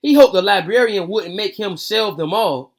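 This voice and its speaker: An American man with a notably high voice hosts a children's read-aloud, mixing casual storytelling with informal chat and plenty of everyday slang for young listeners. He speaks at a moderate pace, and the sound is roomy with a distant mic.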